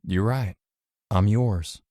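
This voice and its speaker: Brief: man reading a swaggering rock star, very low voice, dry close sound. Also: slow, warm tone, dry recording. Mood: flirtatious.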